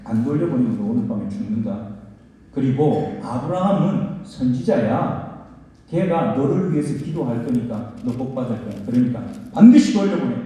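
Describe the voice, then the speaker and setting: A man's voice: medium pitch, expressive, moderate pace, warm tone, voice pushed down, natural voice. A man preaching voices God as a stern male figure who bluntly warns a king. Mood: stern warning. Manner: blunt, commanding, casual speech. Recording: echoey church hall from far off.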